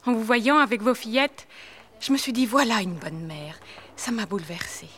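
A woman's voice: fairly high pitch, normal speed, fairly bright tone, slight background noise, close to an everyday voice. A woman voicing a poor young widowed mother who earnestly begs an innkeeper to keep her child. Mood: pleading. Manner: earnest, imploring. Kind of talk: audio drama acting.

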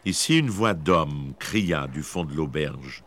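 A man giving measured, expressive scripted narration of a classic story. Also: a bass voice.

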